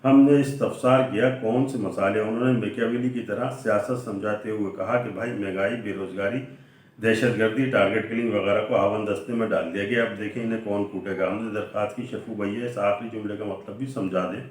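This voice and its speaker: A man reading aloud a humorous prose sketch in a measured storytelling manner, slipping into quoted dialogue as he goes. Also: fairly low pitch, steady tone. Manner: measured storytelling delivery, voicing quoted dialogue within the narration. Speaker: reader of a humorous essay. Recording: very echoey room, voice from far off the mic.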